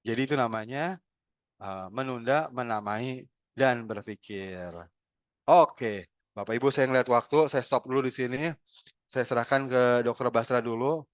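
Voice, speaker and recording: Male webinar trainer, dry dull call audio, animated explainer. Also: medium pitch, normal speed, clean tone, dry recording. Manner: animated, acts out little dialogues. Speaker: health communication trainer. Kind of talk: webinar lecture with acted examples.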